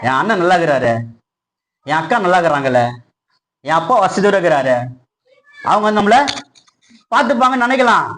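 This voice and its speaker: A man preaching a passionate sermon, putting questions to his congregation and building to loud, high-pitched peaks. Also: expressive, fairly quick, pauses often, poor audio. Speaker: pastor.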